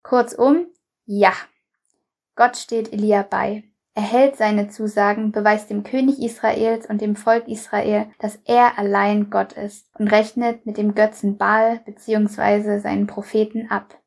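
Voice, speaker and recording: Woman, Bible reading with commentary, measured, gravelly, flat intonation. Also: mid-range voice. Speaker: Bible reader and devotional speaker.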